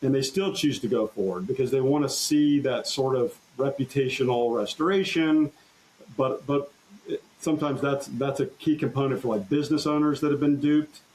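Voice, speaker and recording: A man, a trial lawyer, telling courtroom stories in an earnest, halting way with frequent restarts in a podcast interview. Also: mid-range voice, darkish tone, slight background noise, poor audio. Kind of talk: conversational storytelling interview.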